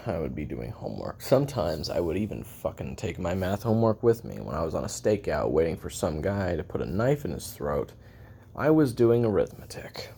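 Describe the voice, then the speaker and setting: In an audio drama confession, a man plays a bitter, resentful, world-weary assassin in a full character voice. His low, gravelly, dark voice swings widely as he broods and swears, broken by heavy pauses and sighs. Faint noise sits in the background.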